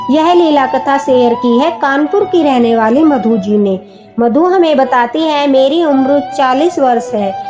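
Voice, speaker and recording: A woman narrating a devotional story in an earnest way, speaking to her listeners as devotees. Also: sits high. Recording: background music under the voice.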